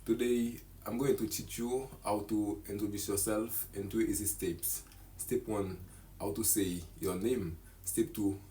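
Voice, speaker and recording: A young adult man, an English teacher and channel host, teaches a beginner English lesson to camera in a small room. His lowish, warm voice comes slowly, carefully and deliberately, though the recording quality is low.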